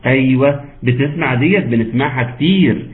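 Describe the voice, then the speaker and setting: A man's voice: medium pitch, brisk. A man with an Egyptian accent teaching Quran recitation in an online class, asking students questions and teasing them patiently. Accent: Egyptian Arabic. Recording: tinny phone-like call audio.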